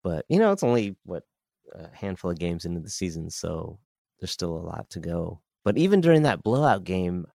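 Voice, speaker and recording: A man with a very deep, gravelly voice chats as a podcast guest. The sound is close and dry, and he talks in an easygoing way, peppered with "you know". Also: very animated, moderate pace, darkish tone, no echo. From San Francisco Bay Area. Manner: easygoing, filler-heavy, "you know" throughout. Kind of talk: casual sports chat.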